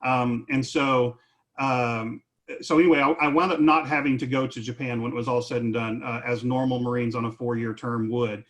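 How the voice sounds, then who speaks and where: A man's voice: medium pitch, fairly even intonation, moderate pace, fairly bright tone. A man in his fifties talking on a career webinar panel, rambling with many fillers and restarts.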